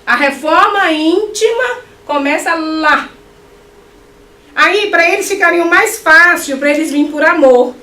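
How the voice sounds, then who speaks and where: A middle-aged woman giving a spiritist lecture, animated, with joking asides to her audience. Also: extremely high pitch, measured pace. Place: lecture hall. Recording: echoey hall, mic at a distance.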